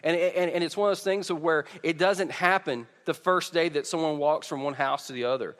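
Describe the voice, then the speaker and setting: In an echoey hall with long reverb, a man gives a casual, conversational sermon over a PA from a pulpit microphone. His fairly high, somewhat bright voice moves at normal speed, and he often stammers at the start of phrases.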